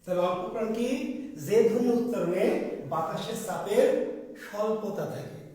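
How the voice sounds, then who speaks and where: A man teaching grammar in a lecture. He repeats key terms slowly for note-taking and asks and answers his own questions. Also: high voice, dark tone. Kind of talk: classroom lecture. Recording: echoey hall, voice from far off.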